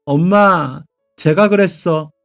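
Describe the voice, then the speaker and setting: A man's voice: on the high side, slow, gravelly, fairly bright tone, soft background music, voice pushed up, heavily acted. A man voicing a small, playful young son who jokes like a little adult, in a storybook radio drama. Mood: childlike. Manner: playful, mature beyond his years.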